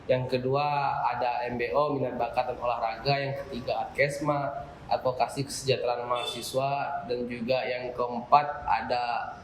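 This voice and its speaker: A man's voice: medium pitch, little pitch movement, moderate pace, a little hiss or hum. A young man, a student association chair, explaining his group at length in a casual podcast chat, with frequent fillers. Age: young adult. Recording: roomy room with faint ambience.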